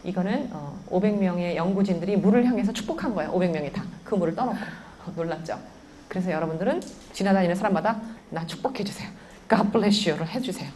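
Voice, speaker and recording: A woman giving a lively parenting lecture, keeps firing questions at her audience. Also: on the low side, fast, slight background noise. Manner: animated, keeps quizzing the audience.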